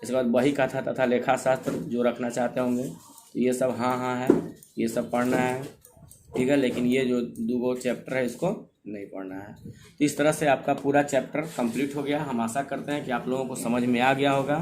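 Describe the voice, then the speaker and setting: A man's voice: mid-range voice, fairly even intonation, normal speed, background noise. A man teaching in Hindi, going through the syllabus chapter by chapter and often checking that his students follow. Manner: repeats "thik hai" and checks students understand. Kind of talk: syllabus walkthrough lesson.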